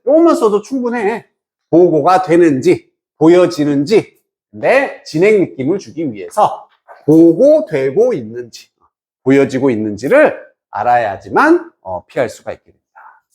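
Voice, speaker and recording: A man teaching an English reading lesson, asking and answering his own questions and drawing out English words slowly. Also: high-pitched, darkish tone. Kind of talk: lecture.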